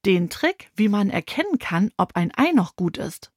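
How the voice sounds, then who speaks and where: A woman's voice: mid-range voice, big pitch swings, moderate pace, no echo, clean studio sound. A woman reading the lines of a clever older sister who patiently explains things in a children's audio story. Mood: explaining.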